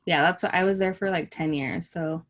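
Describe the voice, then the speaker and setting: Woman hosting a chat show, kinda low voice, friendly, short questions. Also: fairly quick. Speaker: podcast host. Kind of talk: casual interview hosting.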